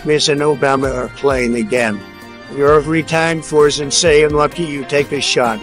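A man's voice: fairly high pitch, steady tone, moderate pace, faint music behind. A synthetic male text-to-speech voice reading donation messages in a stiff, evenly paced way.

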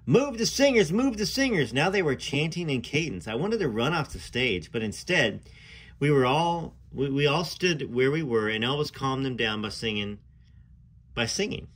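A man hosts a reading of a memoir, telling it in an expressive storytelling style with dramatic phrasing and casual asides. His voice is medium-pitched and slightly rough, at a normal speed.

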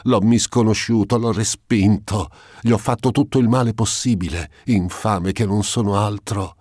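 A man's voice: lowish voice, fairly even intonation, normal speed, darkish tone, husky, no echo, studio quality, voice pushed up. A man voicing a desperate noblewoman pleading at her dying father's bedside in an audiobook. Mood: anguished pleading. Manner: pleading, sobbing outbursts. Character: desperate grieving noblewoman, young daughter.

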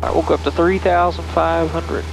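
A man's voice: a little high, little pitch movement, a little fast. A middle-aged man, a flight instructor, coaching casually over a pilot headset intercom. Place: small propeller plane cockpit in flight. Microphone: aviation headset boom mic. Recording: headset intercom with clear engine noise.

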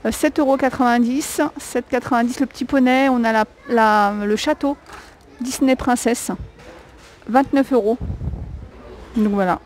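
Chatty woman w a slight foreign accent, somewhat high voice, lots of ums, filming a store tour on her camera, faint shop hum behind. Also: steady tone, measured pace, long pauses, darkish tone, rough recording. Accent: non-native French. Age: adult with a young child. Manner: chatty, hesitant with many fillers, listing prices. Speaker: shopping vlogger. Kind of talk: casual store walkthrough vlog. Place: discount store, indoors. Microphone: handheld camera.

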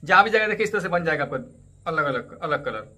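A man in his thirties talks fast and chatty straight into a close webcam, his voice pitched high and bright. He walks through app steps one by one and keeps circling back to plug his channels. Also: lively intonation. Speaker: cricket ticket update YouTuber. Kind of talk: casual tutorial vlog. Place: indoors in front of a green screen stadium backdrop.

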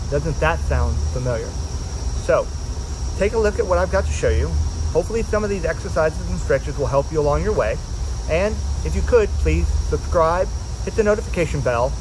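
A man in his forties giving calm step-by-step coaching cues as he demonstrates stretches in a small tent outdoors, recorded by a camera a few feet away. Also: mid-range voice. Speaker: fitness instructor, trail vlogger. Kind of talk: instructional demonstration. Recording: outdoor noise with insects.

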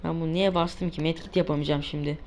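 A woman's voice: low-pitched, steady tone, quick pace, a little mellow, a little hiss or hum. A woman giving let's play commentary, exasperated and cursing at enemies. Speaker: gamer playing a survival shooter.

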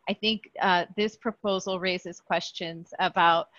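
A woman's voice: on the low side, steady tone, a bit bright, no echo. Woman on a dull, dry call line. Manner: earnest, measured, some fillers. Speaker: public commenter for a behavioral health association. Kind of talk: public comment at a virtual meeting. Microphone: video call.

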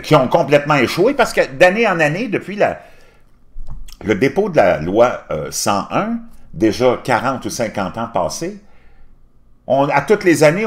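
A man in his fifties from Quebec with a Québécois French accent, mocking and scornful as he rants over a news article on his channel. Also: on the low side. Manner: scornful, mocking, laughs at his own jokes. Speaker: commentary channel host.

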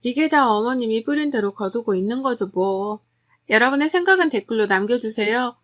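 Story narrator, female, slightly high voice, gossipy and confiding, scripted read. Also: animated, fairly quick. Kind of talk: scripted first-person narration.

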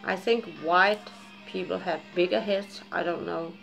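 Her voice is lowish and a bit bright, with vocal fry and a steady tone, and she talks a little slowly. She is a vlogger in her forties from Japan and Denmark, speaking with a Japanese-Danish accent as she rambles, laughs and swears freely while chatting candidly to a webcam in her dim living room. Soft music plays in the background.

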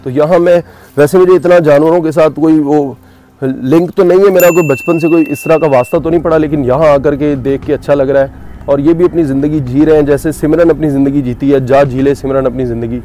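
A man's voice: a little high, steady tone, brisk, warm tone, slight background noise. A man giving casual walking vlog commentary while touring a cattle farm outdoors, chatty and joking with his viewers.

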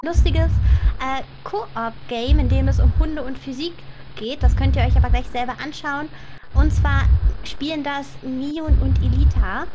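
A woman's voice: sits high, unhurried. A woman introducing a stream segment in an upbeat way, on a noisy recording. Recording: very noisy, clicking.

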